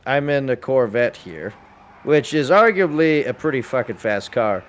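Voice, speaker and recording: A man who leads the police on a roleplay server chats casually while gaming, his medium-pitched voice expressive and his speed normal. He stresses his explanations and goes over them again to be clear.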